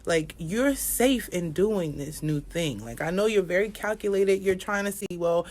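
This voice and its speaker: A woman's voice: on the low side, lively intonation, a little slow, a little mellow. A woman giving a casual astrology reading as an oracle card reader, rambling and repetitive, speaking straight to viewers and swearing now and then.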